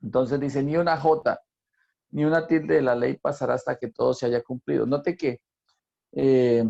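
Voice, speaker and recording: A man's voice: mid-range voice, fairly even intonation, normal speed, vocal fry, mellow, highs cut off. A man tutoring a Bible class, who repeats phrases for emphasis and quizzes his students. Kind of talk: teaching a Bible lesson to a class.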